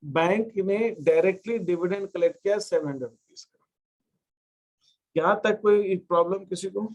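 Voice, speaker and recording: Heard in lo-fi sound, a high, slightly mellow male voice explains accountancy to a class one step at a time. He drops English terms into his talk and dictates them slowly as he writes.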